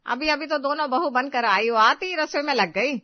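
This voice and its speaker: A woman's voice: high-pitched, moderate pace, no room sound, voice pushed up, lightly acted. A woman voicing a fussy, caring middle-aged mother-in-law who coaxes and scolds in a dull, dry recording. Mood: fussing. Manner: coaxing, scolding.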